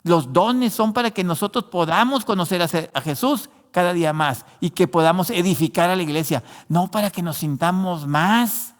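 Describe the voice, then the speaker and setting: Guy preaching a sermon, kinda high voice, long echo in the hall. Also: moderate pace, hardly any pauses. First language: not Spanish. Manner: preaching with many fillers and restarts, addressing "hermano". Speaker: pastor.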